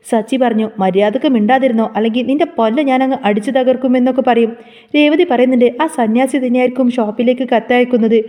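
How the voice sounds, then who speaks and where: A woman's voice: fairly high pitch, mellow. A woman narrating a recap of a TV serial episode, reading the characters' lines within her retelling.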